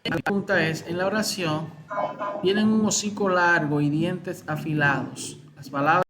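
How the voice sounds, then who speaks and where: A male teacher with a Dominican accent, explaining exam answers to his students slowly, repeating key words and asking questions. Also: fairly high pitch, steady tone, fairly bright tone, faint music behind. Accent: Dominican Spanish. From Dominican Republic.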